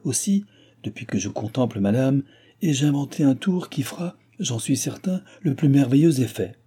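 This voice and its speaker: A man reading aloud who voices a confident young hairdresser with a smooth, ingratiating manner. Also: mid-range voice, expressive, normal speed, dark tone, pitched above the performer's own voice. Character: eager, self-assured young male hairdresser.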